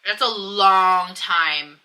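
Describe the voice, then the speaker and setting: A woman's voice: medium pitch, drawn-out words, sharp tone. A woman vlogger in a casual, candid chat, telling stories in an emphatic, conversational way. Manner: candid, emphatic storytelling with frequent "like". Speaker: vlog host. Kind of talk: casual sibling chat in a mukbang video.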